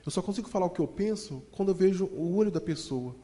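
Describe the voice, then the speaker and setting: A gentle French foster mother, as a male storyteller puts her on, her French accent soft and pleading. Her voice sits high and mellow, carried by a long hall reverb. She coaxes more than she commands. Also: lively intonation, quick pace. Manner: tender, pleading.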